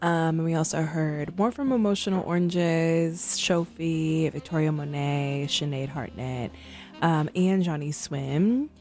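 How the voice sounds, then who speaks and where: A woman's voice: sits low, measured pace, a little mellow, faint music behind. A young woman from San Francisco hosting a radio show, talking casually and rambling between songs with many ums and likes.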